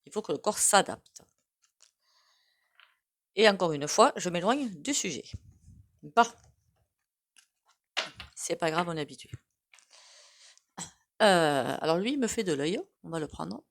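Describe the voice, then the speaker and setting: A woman with a regional French accent talks through a tarot card reading in a loose, conversational way. Her voice sits a little low, and she hesitates often, wandering off into asides. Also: expressive, measured pace, pauses often. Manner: rambling, hesitant, many fillers and asides. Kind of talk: casual tarot reading to camera.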